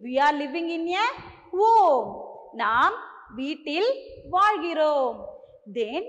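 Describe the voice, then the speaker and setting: A woman teacher with a Tamil accent giving a bilingual lesson to young children, slow and coaxing, repeating each line in two languages. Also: high-pitched, sing-song, fairly bright tone, long reverb tail.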